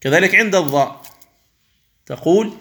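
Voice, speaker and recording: High-pitched, animated and a little bright, a man's voice guides a Quran recitation lesson. He moves slowly and carefully through each rule, then extends the examples into chanted recitation, at times holding a wrong reading up beside the correct one.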